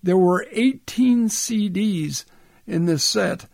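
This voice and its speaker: A man's voice: high-pitched, slow, creaky, darkish tone, no room sound. A man hosting a radio show, talking between records in an easygoing, conversational way into a close studio mic. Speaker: radio host.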